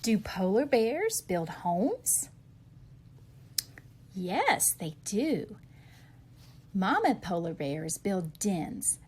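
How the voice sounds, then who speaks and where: A slightly husky woman whose voice sits a little high reads a picture book for young listeners, posing questions and then answering them with expression.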